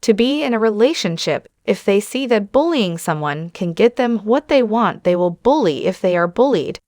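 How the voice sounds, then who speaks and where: A woman's voice: medium pitch, animated, normal speed, a little mellow, no room sound, clean studio sound. A woman hosting a channel, giving casual, opinionated commentary straight to her viewers with plenty of fillers. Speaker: channel host.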